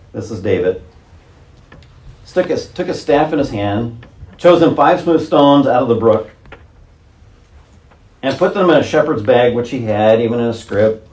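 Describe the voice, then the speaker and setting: A man's voice: mid-range voice, darkish tone. A male pastor preaching a conversational, wry sermon with chuckling asides. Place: church sanctuary. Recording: roomy church sanctuary.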